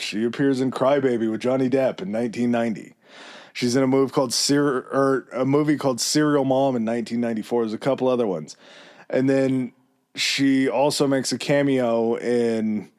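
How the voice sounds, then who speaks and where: A man hosting a podcast, telling a story in a relaxed, chatty way with fillers and asides. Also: medium pitch. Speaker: podcast host. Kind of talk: casual chat.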